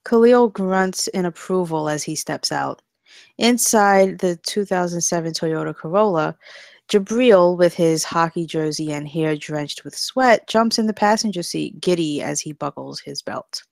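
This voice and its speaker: The narrator is a woman whose voice sits notably low, slightly mellow and gravelly, and she reads the script's action lines without hurrying. It's scripted table-read narration, recorded dry with little room around it.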